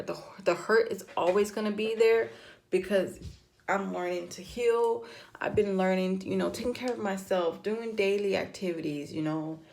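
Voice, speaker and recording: A woman's voice: medium pitch, vocal fry. A middle-aged woman vlogging casually to her camera, rambling and heartfelt with many fillers. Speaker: vlogger, mom of four. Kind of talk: casual personal vlog, talking to camera.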